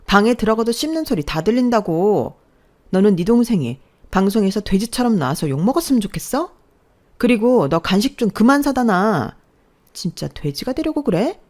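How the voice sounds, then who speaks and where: A woman voicing a spoiled, bratty young woman announcer who whines and scolds her older sibling in a shrill voice. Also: very animated, normal speed, darkish tone. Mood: scolding.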